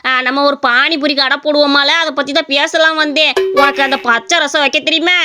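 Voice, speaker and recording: A woman's voice: sits high, fairly even intonation, a little fast, over music. A woman voicing a bossy village sister-in-law, scolding and ordering people about. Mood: reassuring.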